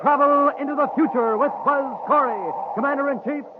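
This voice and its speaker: A man's voice: very high voice, brisk, narrow, tinny audio. A man with an American accent announcing and narrating a 1950s radio serial with dramatic, enthusiastic salesmanship. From United States. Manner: dramatic, hard-sell enthusiasm. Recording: thin, hissy 1950s radio recording.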